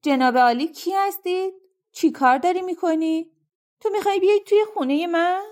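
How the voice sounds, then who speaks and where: A woman reading a storybook, voicing an angry woman who sputters quick indignant questions at a stranger in her doorway. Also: extremely high pitch, darkish tone, voice pushed up.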